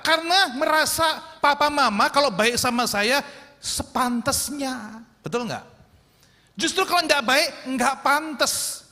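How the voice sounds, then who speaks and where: A pastor preaches a high, bright, ringing voice that carries through a reverberant sanctuary. He swings from loud to hushed, acting out quoted lines and turning to his congregation again and again. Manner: animated, acts out quoted voices, addresses congregation often. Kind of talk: sermon. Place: church sanctuary. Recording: echoey church hall.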